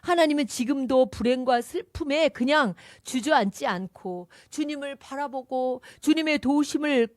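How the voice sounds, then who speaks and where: A woman's voice: sits high, moderate pace, hardly any pauses, dry recording, clean studio sound. A woman pastor preaching a sermon fervently, asking rhetorical questions and acting out the quotes she tells.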